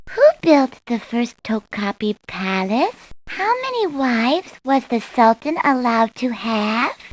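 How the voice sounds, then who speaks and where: A woman voicing a sweet young cartoon princess in a video game, reading scripted quiz questions in a deliberate, clearly enunciated way. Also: on the high side, dry recording, full character voice, low-quality recording. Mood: sweet, teasing. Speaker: quiz character voice in an educational game.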